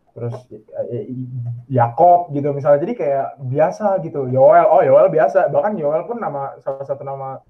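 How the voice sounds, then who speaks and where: Young male student, from Indonesia, chatty and animated; tinny phone-line sound. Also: on the high side. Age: young adult. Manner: chatty, animated storytelling with laughs. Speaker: student abroad. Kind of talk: casual video call chat. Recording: tinny phone-like call audio.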